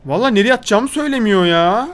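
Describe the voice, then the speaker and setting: A man's voice: high-pitched, animated, fast, fairly bright tone. A man giving chatty, exasperated commentary while playing a video game, often scolding the character on screen. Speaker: gaming video host. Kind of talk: gameplay commentary.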